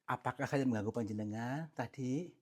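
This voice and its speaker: Male ghost-hunting vlogger, husky voice, hushed and apologetic. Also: mid-range voice, brisk. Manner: polite, pleading, often whispering. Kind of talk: hushed paranormal investigation.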